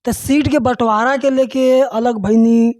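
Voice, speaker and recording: This interviewer speaks in a Bhojpuri accent and lets the questions wander slowly and deliberately. The voice sits in a middle pitch and is recorded dry, with no room echo. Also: fairly even intonation, a little mellow. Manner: long, winding questions, slow and deliberate. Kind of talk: casual political interview questions.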